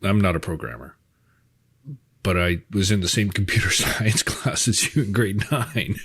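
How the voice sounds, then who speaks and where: Easygoing co-host. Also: male voice, low voice, moderate pace, fairly bright tone, slightly rough. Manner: easygoing, reads questions, laughs often. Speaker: co-host reading viewer questions. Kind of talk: casual chat.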